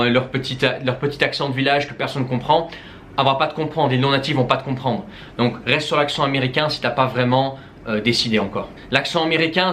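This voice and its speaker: A Dutch-speaking language coach from the Netherlands, his voice medium-pitched and a bit bright, gives casual language-learning tips straight to camera. His speech is full of fillers and restarts, and there's slight background noise.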